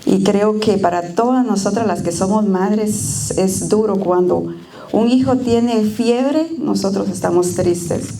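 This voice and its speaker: A woman's voice: mid-range voice, slow, gravelly, a crowd in the background. A middle-aged woman giving a personal testimony and prayer at a church service, tender and plainspoken with frequent hesitations. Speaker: church member giving a reflection.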